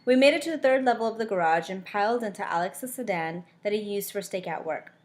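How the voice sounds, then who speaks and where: A woman reading a novel aloud in a chatty, casual way, stopping now and then for quick comments on the text. Her voice sits at an ordinary middle pitch for a woman. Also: expressive, darkish tone. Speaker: audiobook reader.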